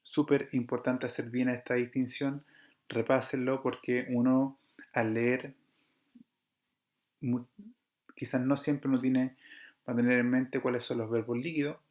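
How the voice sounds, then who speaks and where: A man's voice: mid-range voice, little pitch movement, measured pace, long pauses, a little mellow. A man teaching an online class over slides, explaining patiently, checking in with his students and correcting himself as he goes. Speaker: Greek teacher.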